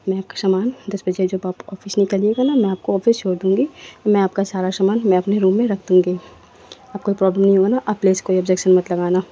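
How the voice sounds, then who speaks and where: A woman doing a clingy young wife who coaxes and pleads in a soft, even, very mellow voice. She speaks with little rise and fall. The recording is dull and lo-fi, with faint noise behind. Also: mid-range voice, fast talker, close to an everyday voice. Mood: pleading. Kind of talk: storytelling with voiced dialogue.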